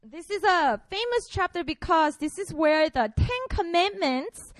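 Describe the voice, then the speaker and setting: A pastor from Korea, a woman in her twenties, preaches unhurriedly to students in a very high, expressive voice on a dry recording. The sermon is casual and playful, her manner chatty and packed with fillers.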